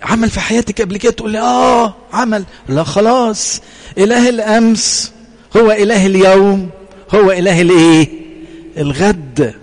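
An Egyptian priest preaching a sermon in a slightly high voice, posing questions to his listeners and answering them himself. His voice carries a long reverb from the church hall around him. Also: brisk, long pauses, a little mellow. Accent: Egyptian Arabic.

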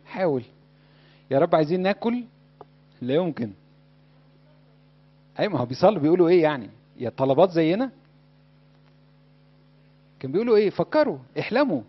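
A man with an Egyptian Arabic accent delivers a sermon at a brisk clip, his voice sitting a little high. He talks in a chatty way and keeps turning questions on his listeners. The recording sounds dull and lo-fi. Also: slightly rough. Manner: conversational, asks the audience questions. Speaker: Coptic preacher.

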